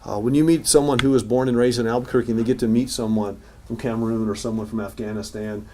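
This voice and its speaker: A man's voice: medium pitch, steady tone, fast talker, darkish tone, slight background noise. A man speaking as mayor at a news conference, talking informally with restarts and fillers. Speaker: city mayor at a press conference. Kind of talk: press conference remarks and answers. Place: city hall news conference room.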